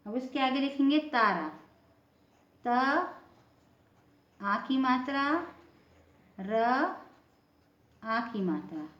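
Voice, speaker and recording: A woman's voice: a little high, expressive, very slow, long pauses, fairly bright tone, roomy sound, muffled recording. A woman teacher giving a patient lesson, spelling words out letter by letter.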